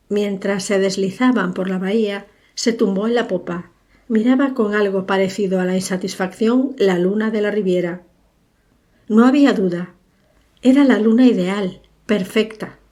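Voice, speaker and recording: Warm-voiced woman narrating an audiobook. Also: medium pitch. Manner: measured, unhurried storytelling. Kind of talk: scripted literary narration.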